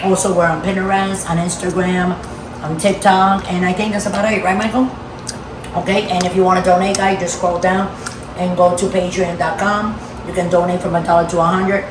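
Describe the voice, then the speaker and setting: Casting: woman home-cooking host, lowish voice, chatty and agreement-seeking, recorded off-mic in a roomy kitchen. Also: flat delivery, brisk, far from the mic, noisy background. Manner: conversational, repeatedly seeking agreement. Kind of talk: casual cooking demo, chatting to viewers.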